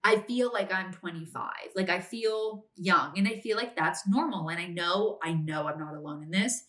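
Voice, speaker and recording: Her voice fairly low and sharp in tone, a late-twenties woman hosting a podcast offers casual advice at a moderate pace. She talks in a chatty style, frequently using "like" and "if that makes sense."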